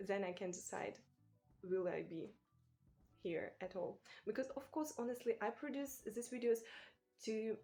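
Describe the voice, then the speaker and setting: A woman from Ukraine with a Ukrainian accent, a native Ukrainian speaker, talking casually to camera as a booktuber in a thoughtful, halting way. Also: mid-range voice. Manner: thoughtful, halting, with small restarts and soft laughs. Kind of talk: casual vlog talk to camera.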